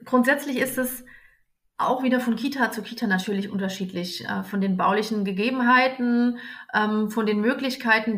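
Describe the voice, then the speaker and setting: A woman's voice: medium pitch, fairly bright tone. A woman guest, a kindergarten teacher, explaining things practically with everyday examples. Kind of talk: casual conversation. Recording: echoey room.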